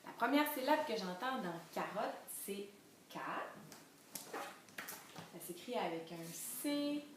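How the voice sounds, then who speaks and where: A woman with a Quebec French accent, reading a storybook aloud to toddlers in an animated way and spelling out syllables slowly. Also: medium pitch. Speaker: children's reading educator. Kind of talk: enriched read-aloud lesson for toddlers. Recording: very echoey room, distant mic, faint noise.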